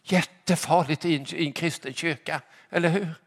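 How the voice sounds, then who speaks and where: Emphatic male preacher, higher-pitched voice. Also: steady tone. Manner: emphatic, rhetorical, repeating "eller hur?"; shifts between loud calling out and quiet drops. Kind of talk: sermon.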